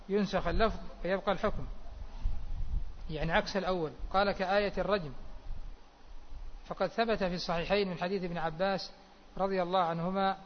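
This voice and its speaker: A male religious teacher giving a mosque lesson, reading a line of text and then explaining it slowly with pauses. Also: high-pitched, slight background noise. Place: large mosque hall. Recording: dull echoey mosque hall recording.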